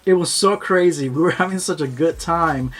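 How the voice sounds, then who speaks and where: A man's voice: fairly high pitch, moderate pace, over loud music. A man chatting casually and cheerfully about a busy video shoot. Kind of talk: casual chat.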